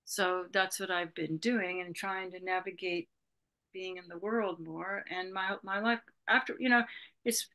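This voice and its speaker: Her voice is low-leaning, pushed and bright, with fairly even intonation and a slightly slow delivery. A sixty-something Buddhist retreat leader from Berkeley, California, she chats reflectively as a guest, her talk wandering and peppered with "you know."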